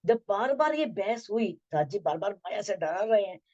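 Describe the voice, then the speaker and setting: A woman giving a devotional talk on scripture, chanting verses slowly and then explaining them in plain speech. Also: medium pitch, expressive, a little mellow, dry recording. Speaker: scripture teacher. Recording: dull lo-fi sound.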